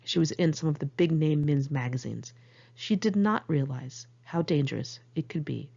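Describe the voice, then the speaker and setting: Sitting low in pitch, this woman's voice is gravelly and dark with a breathy edge, moving at normal speed. She's the author narrating her memoir candidly, conversationally, like a single-take amateur audiobook, heard through muffled lo-fi audio.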